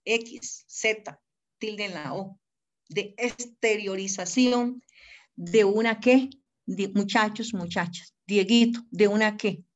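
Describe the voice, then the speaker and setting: A Colombian woman teaching a university law class at an ordinary middle pitch. She lectures emphatically, wanders off on tangents, and calls on students by name to answer. She spells words out for them letter by letter. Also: takes it slowly, dull audio.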